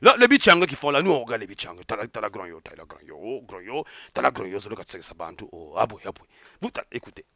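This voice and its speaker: A man rants with mocking exclamations, repeating words. His bright, gravelly voice leaps up and down in pitch. The sound is dull and lo-fi but dry. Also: sing-song, quick pace, no echo. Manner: repetitive, mocking, exclamatory, mixes in local phrases. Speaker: online commentator. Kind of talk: impassioned rant.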